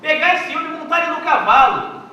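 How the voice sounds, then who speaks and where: A man's voice: very high-pitched, lively intonation, fast, bright, forceful tone, muffled recording, a little hiss or hum, voice pushed up, heavily acted. A man voicing a boastful, scheming royal official, heard from a distance in an echoey hall. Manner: swaggering, then deflated.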